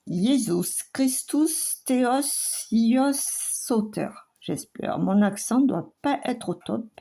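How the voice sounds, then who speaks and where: A woman reads out the week's astrology forecast at a very slow, unhurried pace. She pauses and hesitates often, and her voice has a dark, mellow tone. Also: medium pitch, husky. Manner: slow, halting delivery with fillers.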